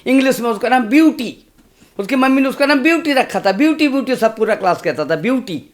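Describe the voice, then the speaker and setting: A man's voice: very high-pitched, expressive, quick pace. A man in his sixties, a comic poet reciting humorous verse on stage, repeating lines and making chatty asides to the audience.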